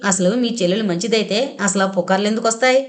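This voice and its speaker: A woman's voice: medium pitch, fairly even intonation, very fast, natural voice. A scheming young sister-in-law throws back rude, mocking retorts, voiced by a woman reading a novel aloud. She sounds insolent and needling.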